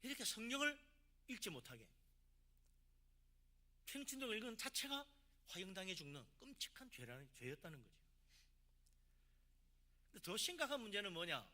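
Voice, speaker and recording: A man's voice: high-pitched, very animated, normal speed, long pauses, pushed and bright. A man, a pastor from South Korea, preaching a sermon with emphatic delivery and rhetorical questions.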